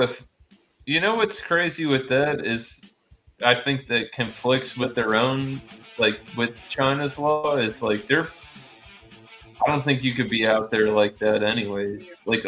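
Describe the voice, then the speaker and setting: A man's voice: mid-range voice, sharp tone, low-quality recording. Joking, crude-talking man. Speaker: podcast co-host. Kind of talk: casual chat.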